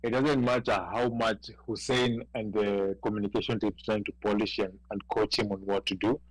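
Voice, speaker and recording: A man's voice: lowish voice, flat delivery, moderate pace, dry recording, low-quality recording. A man with a Kenyan accent in a casual panel discussion, talking emphatically and repeating words as he presses a point.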